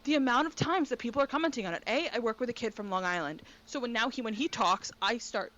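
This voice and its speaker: A woman co-hosting a casual podcast chat from her bedroom, talking quickly and excitably. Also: fairly high pitch. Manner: fast, excitable talker. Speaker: podcast co-host. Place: bedroom at home. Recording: dull lo-fi with faint noise.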